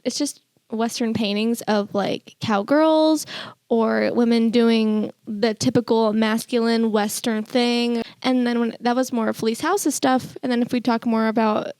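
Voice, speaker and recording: A woman's voice: a little high, flat delivery, measured pace, darkish tone, dry recording. A woman co-hosting a podcast, chatting casually about art in a rambling, giggly way and often restarting her sentences. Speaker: podcast co-host.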